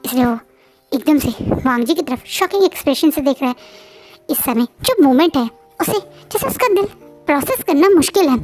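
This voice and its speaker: A woman casually retelling a fan story, chatty and animated, sometimes talking straight to the characters. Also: sits high, fairly quick, soft background music. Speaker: fan fiction narrator. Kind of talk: casual storytelling in Hindi and English.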